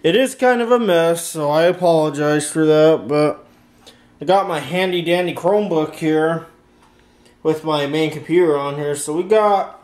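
On a handheld camera or phone he holds himself, a young vlogger demonstrates something casually in his bedroom and home workshop. His voice is on the high side and a little mellow, and his pace is moderate.

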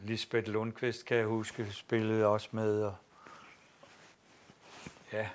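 An older man, an actor and theatre director, telling lively anecdotes in an interview and swearing casually. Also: lowish voice. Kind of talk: anecdotal storytelling.

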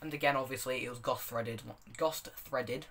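A man's voice: mid-range voice, fairly even intonation, normal speed, a bit bright. A young man giving a casual, unscripted review, rambling and correcting himself as he demonstrates. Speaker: hobbyist video reviewer.

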